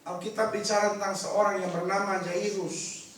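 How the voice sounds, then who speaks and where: A man preaching a sermon as pastor, animated and humorous, slipping English phrases in. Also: high voice, normal speed, a little hiss or hum. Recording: echoey hall from far off.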